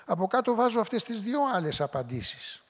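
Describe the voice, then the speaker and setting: A man's voice: high voice, big pitch swings, fairly bright tone, husky. A middle-aged man giving a public lecture in a conversational way, now and then acting out short quoted lines. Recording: long hall reverb.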